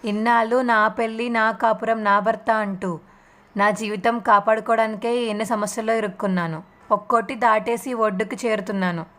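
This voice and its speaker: Woman doing a guilty young mom, sad and pleading, quiet. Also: a little high, steady tone, normal speed, close to an everyday voice. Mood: grieving. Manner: pleading, sorrowful. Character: anxious young mother, tearful and guilty.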